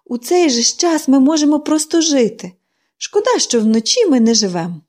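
A woman doing a chatty little girl in a storybook, eager and bubbly, with a high voice that leaps up and down as she gushes. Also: big pitch swings, normal speed, a little mellow.

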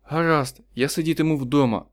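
A man's voice: a little high, normal speed, voice pushed up, natural voice. A man reading an audiobook, voicing a worried young wife and mother, wary and anxious.

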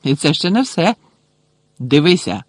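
A man's voice: a little high, big pitch swings, a little slow, no echo, voice pushed up. A spiteful schoolboy sneers and mocks in a raised, taunting voice that climbs well above a man's normal reading tone, put on by a man reading a storybook. The recording is close and dry, with no room sound. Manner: mocking, taunting, loud and jeering.

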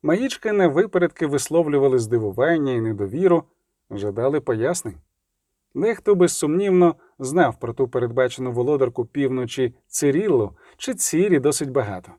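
A man's voice: medium pitch, animated, fairly quick, dark tone, no echo. Man narrating an audiobook, dry. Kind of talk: scripted narration.

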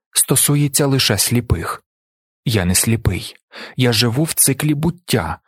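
A blinded young emperor, calm and commanding, speaking in steady measured phrases, as a male audiobook narrator voices him. The voice is husky and mid-pitched, recorded dry and close. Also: no echo.

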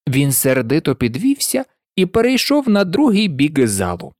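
A woman narrating a storybook in an expressive, lively reading. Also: sits low, moderate pace, no echo, clean studio sound.

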